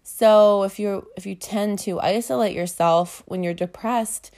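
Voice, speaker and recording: A woman's voice: medium pitch, fairly even intonation, measured pace, darkish tone. A young woman hosting a casual motivational talk, earnest and chatty, with many fillers and restarts, slightly out of breath. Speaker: host.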